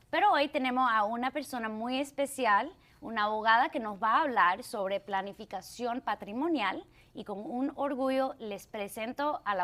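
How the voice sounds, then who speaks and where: A woman's voice: on the high side, a bit bright. A woman hosting an interview show, welcoming a guest and asking questions while sometimes searching for words. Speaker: show host.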